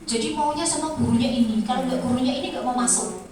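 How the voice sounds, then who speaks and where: A middle-aged woman, a kindergarten teacher giving a lively lecture to students, storytelling with acted-out voices and frequent laughs. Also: high-pitched, quick pace, slight background noise. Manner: animated storytelling, acts out voices, laughs often. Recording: echoey room, voice from far off.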